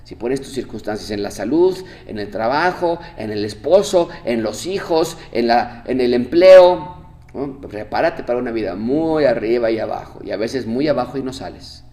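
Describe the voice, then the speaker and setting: A middle-aged man preaching as a pastor, shifting between loud emphatic points and soft, quiet reflection. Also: mid-range voice, lively intonation, normal speed. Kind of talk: sermon.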